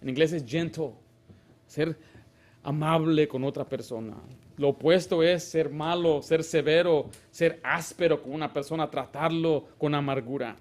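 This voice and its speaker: A man's voice: fairly high pitch, fairly even intonation, unhurried. A male pastor preaching a Baptist sermon, asking the congregation rhetorical questions and acting out little dialogues. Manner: acts out short dialogues in a raised voice.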